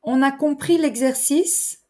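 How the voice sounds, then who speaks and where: A woman teaching a French lesson, enunciating each phrase slowly and carefully. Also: high-pitched, warm tone. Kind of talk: slow, clear language lesson.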